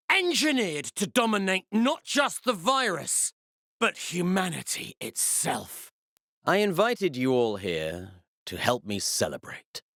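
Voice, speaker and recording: Pompous, theatrical villain, sweeping intonation. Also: male voice, fairly high pitch, pushed and bright, no room sound, studio quality, heavily acted. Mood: enraged, commanding, then gloating, grandiose. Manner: theatrical, pompous, menacing, precise. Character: the Baron, arrogant male mad-scientist villain, cold and gloating. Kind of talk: video game villain dialogue.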